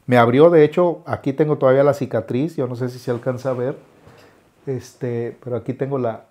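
Halting man recounting his past. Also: mid-range voice, steady tone, dark tone. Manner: halting, frequent restarts and filler words. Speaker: musician telling his life story. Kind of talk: personal storytelling.

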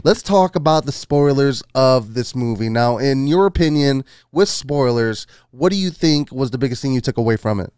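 A man in his thirties hosts a podcast and gives a casual film review, close to a boom-arm mic in a small home studio. His mid-range voice is animated, a little mellow and smooth, moving at normal speed with hardly any pauses. The talk is informal, full of "you know" and "man," and the recording is dry.

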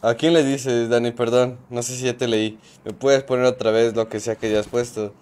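A man's voice: medium pitch, flat delivery, moderate pace, darkish tone, smooth. A young man with a Mexican accent, chatting casually and joking while reading his stream chat aloud. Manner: joking banter, reads chat aloud, slangy.

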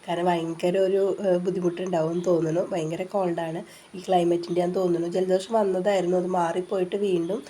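A woman with a blocked, congested voice from a cold talks viewers through a craft tutorial at a quick clip. She explains patiently and chattily, with frequent filler sounds. Her voice sits low and mellow, with soft rain behind her. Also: flat delivery, slight background noise. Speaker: craft channel host. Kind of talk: casual step-by-step craft tutorial. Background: rain outside.

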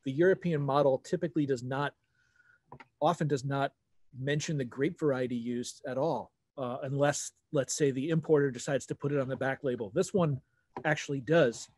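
A man's voice: mid-range voice, normal speed, darkish tone, breathy edge, no room sound. A man in his forties giving a casual, explanatory wine talk, rephrasing as he goes like a conversational teacher. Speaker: wine webinar presenter. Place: outdoors at a garden table.

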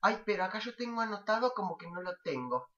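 A man's voice: sits high, expressive, fast talker, a bit bright, voice pushed up. A man mimicking a whiny, fussy and unhelpful female school proctor who opens her lines with a nagging "ay". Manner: nagging whine opening with "ay". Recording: dull lo-fi, distant mic.

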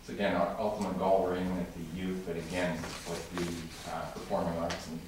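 Man speaking at a council meeting, low voice, flat delivery, echoey distant room, noisy. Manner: halting, many fillers and restarts. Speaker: public commenter at a city council meeting. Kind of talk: public comment. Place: large council chamber with tall windows. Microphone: room mic from far off. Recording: echoey chamber recorded from far off with noise.

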